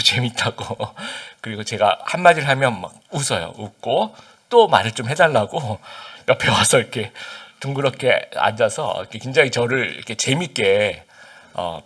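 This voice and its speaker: A pastor from Busan, South Korea, gives a conversational sermon packed with fillers and questions to the congregation, a slight Busan dialect showing beneath standard Seoul Korean. His voice is mid-range, fairly bright, and husky.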